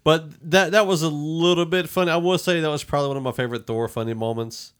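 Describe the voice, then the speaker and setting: A podcast host chats casually about films, thinking aloud as he goes. His voice is a little high, smooth, and fast.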